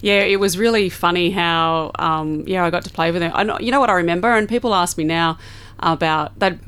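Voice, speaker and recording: A woman's voice: lowish voice, a little fast, fairly bright tone, smooth. A middle-aged Australian woman, a guest in a studio, reminiscing casually in an interview. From Central Coast, Australia. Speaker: guest, former netball player.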